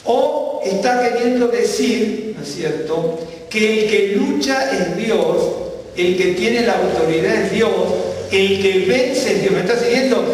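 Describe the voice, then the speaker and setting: A man's voice: sits high, slight background noise. A man, a Bible teacher, explains Hebrew words in a sermon-style talk and keeps checking whether his listeners follow. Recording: echoey hall, voice from far off.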